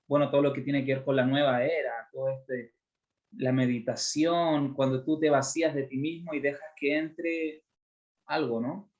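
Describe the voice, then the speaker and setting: Male preacher from Chile, slightly high voice, explanatory teaching tone with rhetorical questions. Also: muffled recording. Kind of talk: Bible study sermon.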